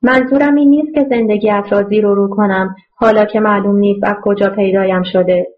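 A woman reading a regretful man pleading softly. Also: medium pitch, steady tone, lightly acted. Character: man returned after years, tender, regretful. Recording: muffled lo-fi audio.

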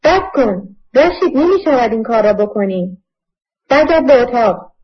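A woman's voice: a little high, very animated. A woman voicing an urgent, pleading young wife, in a dull lo-fi audiobook recording. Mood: defiant.

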